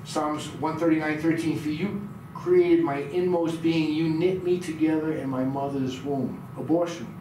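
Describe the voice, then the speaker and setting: A man's voice: a little high, steady tone, moderate pace, hardly any pauses, mellow, recorded from a distance. A middle-aged man as pastor delivering a sermon in a small church room, reading scripture aloud and quizzing the audience. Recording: very echoey room, heard from afar, noisy.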